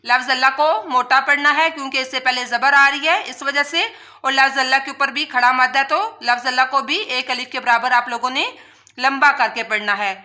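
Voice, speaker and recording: A woman teaching Quran recitation word by word, spelling out letters and then chanting each word slowly and drawn out, with quick explanations in between. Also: high voice, steady tone, pushed and bright. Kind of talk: tajweed lesson, word by word.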